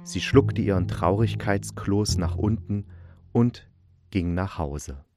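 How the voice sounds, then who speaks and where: A man narrating a homemade family radio play as a gentle, patient storyteller. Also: low-pitched, slow. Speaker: narrator and show host.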